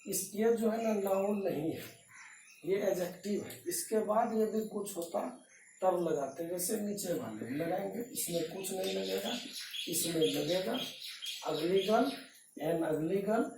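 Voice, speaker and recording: A man's voice: high voice, measured pace, gravelly, a little mellow, slight background noise. A man teaching an English grammar lesson at a board, explaining patiently and repeating himself with rhetorical questions to his students. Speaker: English tutor. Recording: roomy echo, voice from a distance.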